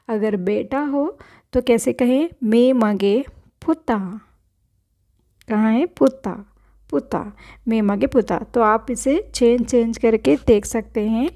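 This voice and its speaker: A woman's voice: fairly high pitch, dark tone. A woman teaching a spoken language lesson, patiently repeating each word and correcting pronunciation.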